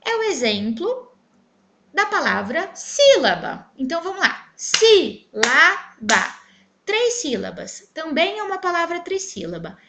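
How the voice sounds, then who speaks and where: Brazilian teacher lady, high bright voice, really bouncy, drags out syllables when she spells words. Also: huge pitch swings, unhurried, creaky, noisy background. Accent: Brazilian Portuguese. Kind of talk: online grammar lesson.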